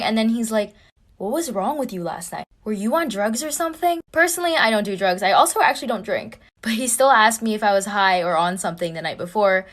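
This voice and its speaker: A woman's voice: fairly high pitch, a bit bright. A young woman casually retelling a personal story in a chatty, conspiratorial way.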